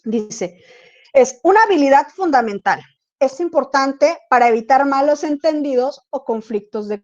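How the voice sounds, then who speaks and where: A woman teacher runs an online class over a video call, explaining material and repeatedly asking check-in questions to make sure students are following. Her voice is high with a darkish tone, and the call audio is dull and lo-fi.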